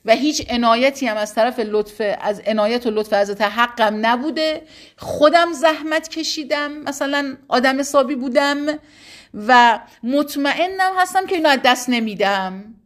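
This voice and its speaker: A woman teaching an informal religious lesson to her students. She explains in a colloquial way and uses personal anecdotes. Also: on the high side.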